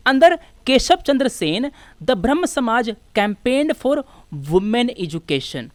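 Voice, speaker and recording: A woman with an Indian accent and a fairly high-pitched voice, recorded dry, leads an exam prep lesson. She mixes Hindi and English as she works through exam questions in a didactic lecture, often posing questions and then answering them herself.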